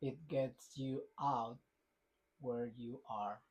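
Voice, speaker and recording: A man from Ecuador with an Ecuadorian Spanish accent, co-hosting a podcast in halting, unhurried casual chat. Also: medium pitch, fairly even intonation, darkish tone, breathy edge, poor audio. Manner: halting, many fillers and restarts, non-native phrasing. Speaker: podcast co-host.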